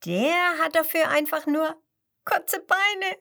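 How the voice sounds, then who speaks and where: A woman voicing a cheeky male hand-puppet clown in a children's storybook reading, loud, high and bouncy as he cracks jokes. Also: slow, exaggerated voice. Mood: jolly.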